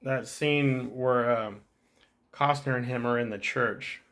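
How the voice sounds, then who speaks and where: A man hosting a casual movie podcast, retelling scenes with many restarts and quick acted quotes. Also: mid-range voice, fairly even intonation, fairly bright tone. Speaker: podcast host.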